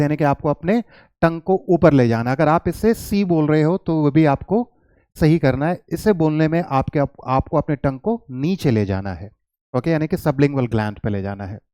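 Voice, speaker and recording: A male teacher with a slightly high voice gives a pronunciation lesson in a mix of Hindi and English. He explains patiently, calls his students "children," and reads tongue twisters out slowly. It is a close, dry recording with no room echo. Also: a little mellow, smooth.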